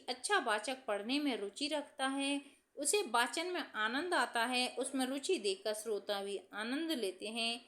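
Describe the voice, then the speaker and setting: A woman teacher reading exam answers aloud from study notes in a steady, dictation-like way, announcing each question number. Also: fairly high pitch.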